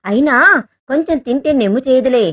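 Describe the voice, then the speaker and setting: A woman voicing a young man who speaks to his beloved in a soft, affectionate, teasing way, read as part of a romantic storybook narration. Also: high voice, brisk, lo-fi sound. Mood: tender.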